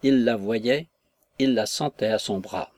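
A male narrator reads from a classic novel in a calm, measured way for an audiobook. His mid-range voice is captured in a dry recording.

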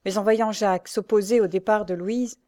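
A woman reading a classic French novel aloud as audiobook narrator, in an expressive, measured way. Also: medium pitch.

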